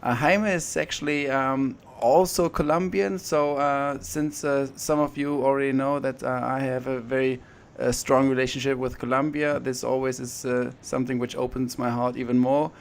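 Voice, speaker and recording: A man's voice: medium pitch, level tone, vocal fry. Hesitant male interview host. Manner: halting, filler-heavy questions. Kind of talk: interview hosting.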